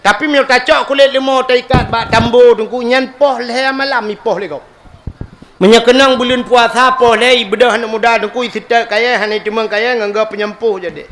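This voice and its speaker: High-voiced Acehnese preacher. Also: male voice, steady tone, moderate pace, fairly bright tone, a little hiss or hum. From Aceh, Indonesia. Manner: emphatic preaching, voice leaps up on key words and drops low at phrase ends. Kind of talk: sermon.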